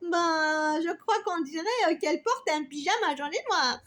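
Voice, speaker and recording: A woman's voice: very high-pitched, a little slow, fairly bright tone. A woman voicing a young girl, the older sister, hesitant and sensible, with fillers.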